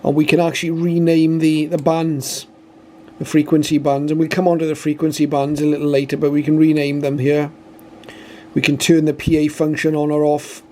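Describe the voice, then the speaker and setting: Explaining each step methodically, a British man demonstrates a product in an informal, matter-of-fact way as a radio reviewer and demonstrator. His fairly high voice sounds warm but delivered flatly at normal speed, over slight background noise.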